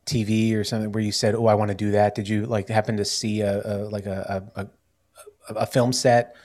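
A man's voice: on the low side, level tone, moderate pace, a little mellow. Rambling American man hosting a podcast. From United States. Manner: rambling, many "like" fillers and restarts. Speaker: podcast host. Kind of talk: casual chat.

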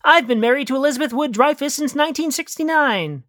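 Reader doing an older radio host guy, polite but pushy, kinda formal, pitched up a bit, dry close audio. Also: animated, fast talker, a bit bright, dry recording. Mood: insistent. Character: persistent older male late-night radio host. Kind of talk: storybook reading.

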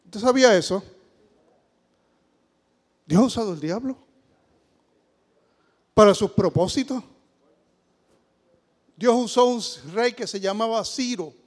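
A male pastor preaching emphatically, dropping to quiet asides and rising to loud calls for praise. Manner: emphatic, swings from low asides to loud exclamations. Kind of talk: sermon. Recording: long hall reverb.

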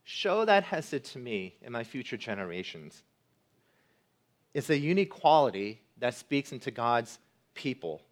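A man preaching a sermon as pastor, earnest, building to emphatic peaks and then dropping quiet. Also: medium pitch, sing-song, unhurried.

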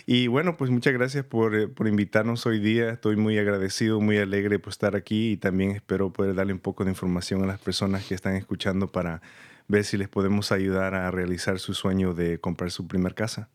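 A man's voice: lowish voice, little pitch movement, brisk. A man from El Salvador, a loan officer guest in an interview, explaining in a friendly way with simple step-by-step talk and easy laughs.

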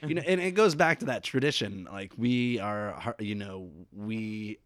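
A man's voice: fairly low pitch, moderate pace, a bit bright, dry recording. A man from the Cincinnati area, a podcast guest chatting casually and laughing often as he tells stories. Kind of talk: casual chat.

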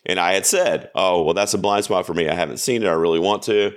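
A man's voice: low-pitched, fast talker. A man hosting his own podcast, chatting casually and easily about movies with a co-host. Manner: easygoing, loose, chatty. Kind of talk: casual chat.

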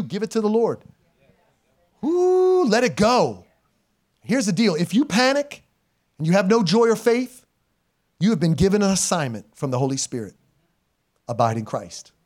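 Emphatic preaching man, high-pitched. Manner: emphatic, swings from loud exhortation to quiet intimate asides; informal, playful, with slang. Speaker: pastor. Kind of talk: sermon. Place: church sanctuary. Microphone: live stream church mic.

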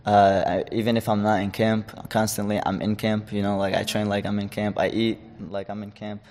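A man's voice: lowish voice, little pitch movement, moderate pace, darkish tone, big-room sound. A man in his twenties from Chechnya, a fighter talking casually in an interview, rambling with many fillers and restarts. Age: 20s. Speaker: guest, amateur fighter.

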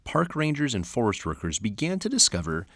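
A middle-aged man hosting a podcast, reading a reflective script in an earnest, measured way with dry humorous asides. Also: mid-range voice, very animated, fairly bright tone, dry recording. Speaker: podcast host, former pastor.

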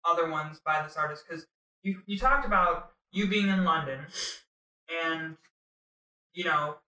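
A man's voice: fairly high pitch, measured pace, pushed and bright, recorded from a distance. A young man hosting a casual chat, interviewing a guest in an informal way. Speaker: podcast host, interviewer. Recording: echoey room, away from mic.

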